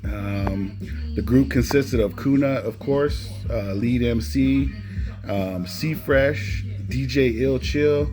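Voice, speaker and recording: A music collector shows off his cassettes in a casual, informal way, often tacking "man" onto the end of his phrases. His medium-pitched voice moves slowly, with music playing behind him.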